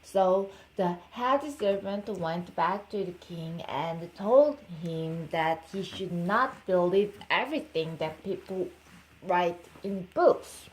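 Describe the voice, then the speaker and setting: A young woman with a fairly low voice speaks slowly, a native Korean speaker with a Korean accent. She reads a storybook aloud to her baby, slipping into informal baby talk between passages. The low-quality recording carries slight background noise.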